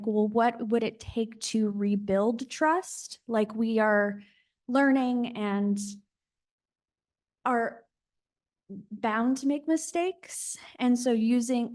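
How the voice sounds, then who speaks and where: A woman's voice: on the high side, a little mellow. A woman in the audience asking a panel a question, hesitant and searching for words.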